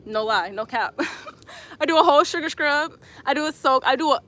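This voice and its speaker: Bright and forceful, her high-pitched voice is animated and moves at a normal speed. A young Atlanta woman with an Atlanta accent, she teaches handstands on an exercise mat under bright outdoor sun, filmed on a phone, keeping the workout instruction laid-back and chatty, laughing often and saying "y'all."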